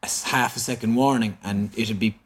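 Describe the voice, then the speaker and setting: A man's voice: on the low side, a little fast, husky. An Irish man, an interview guest, recounting a personal story in conversation and acting out what people said. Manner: animated, quotes dialogue as he recounts.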